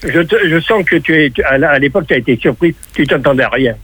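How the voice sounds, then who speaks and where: A man's voice: fairly high pitch, expressive, fast, fairly bright tone, husky, no echo, rough recording. An older man who is an Italian-born guest, talking on the phone in a teasing, playful way. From Italy. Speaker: caller, radio guest. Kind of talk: casual phone conversation.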